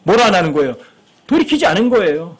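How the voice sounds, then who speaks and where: A man's voice: sits high, sing-song, fast talker, slightly rough. A male pastor preaching a sermon in church, talking conversationally and asking his listeners frequent rhetorical questions.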